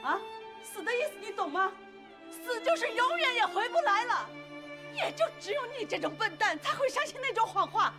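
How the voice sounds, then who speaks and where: An actress playing a sharp-tongued young mother who nags and shouts at her niece, in a TV drama with loud music underneath. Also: very high-pitched, expressive, fairly quick. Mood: cruel. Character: shrill scolding aunt, young mother. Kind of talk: TV drama acting.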